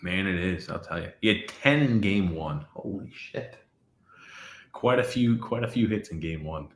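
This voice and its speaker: A man's voice: deep voice, lively intonation, moderate pace. A man co-hosting a casual hockey commentary, blunt and argumentative, recorded on a backup mic in a new room that sounds echoey. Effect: echoey room sound from an unconnected mic. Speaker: co-host. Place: new room, set up not finished. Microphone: external mic not hooked up, backup mic.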